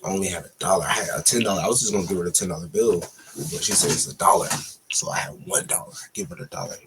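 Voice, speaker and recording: A man's voice: sits low, very fast, heavy background noise. A young man casually telling a long storytime, slangy and profane, with a loose, rambling delivery.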